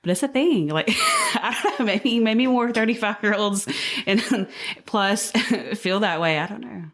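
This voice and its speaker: A woman's voice: mid-range voice, huge pitch swings, measured pace, fairly bright tone. A woman in her thirties hosting a podcast interview, agreeing with her guest and laughing often. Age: 30s. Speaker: podcast host. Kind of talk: conversational interview.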